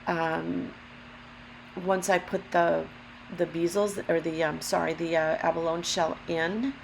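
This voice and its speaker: In a relaxed craft tutorial, a woman speaks in a low, gravelly voice roughened by allergies, clearing her throat now and then. She walks through each step casually and carefully, unhurried, with apologetic asides. The rough recording carries a steady mechanical hum and the noise of a lawnmower.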